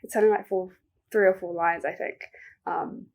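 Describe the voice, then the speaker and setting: A young woman with a New Zealand accent answering interview questions as a poet, speaking in a soft, reflective way with many ums. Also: on the low side, steady tone, normal speed, very noisy. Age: young adult.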